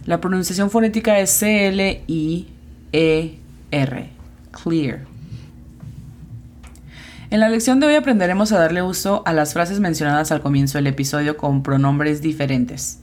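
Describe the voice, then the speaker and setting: A woman who hosts a podcast where she teaches English, giving slow and careful explanations and spelling out pronunciations. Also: sits low, a little mellow, slight background noise. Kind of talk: podcast language lesson.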